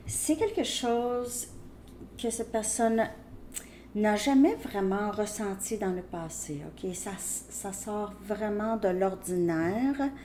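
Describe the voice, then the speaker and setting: A woman with a Québécois French accent giving a tarot reading, talking slowly and hesitantly with many fillers and restarts. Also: mid-range voice, warm tone, slight background noise. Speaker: tarot reader.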